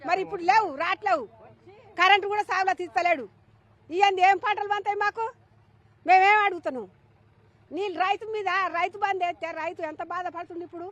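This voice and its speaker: A woman's voice: very high-pitched, fairly even intonation, fast, a bit bright, dull audio. A woman farmer with a Telangana Telugu accent, speaking outdoors in a news interview in a pleading, aggrieved way. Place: outdoors among fields.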